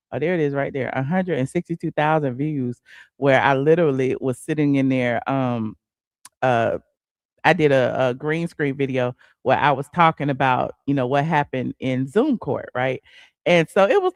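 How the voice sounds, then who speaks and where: A woman's voice: on the low side, dry recording, clean studio sound. A woman with an Atlanta accent hosting a casual live stream, sassy and chatty, full of fillers and asides. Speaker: host.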